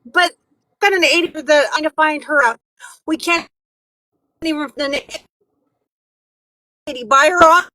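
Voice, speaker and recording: A woman's voice: high voice, a little slow, pauses often, sharp tone, dry recording, rough recording. A woman calling into a livestream in casual chat, her audio breaking up and cutting out so her words come through in choppy fragments. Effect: call audio breaking up and cutting out. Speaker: caller on a livestream.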